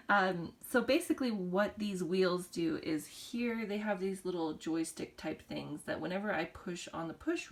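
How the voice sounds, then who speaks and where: Chatty woman vlogging at home. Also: on the low side. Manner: chatty, laughs often, frequent ums. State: a little out of breath. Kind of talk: casual vlog talk. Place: home room.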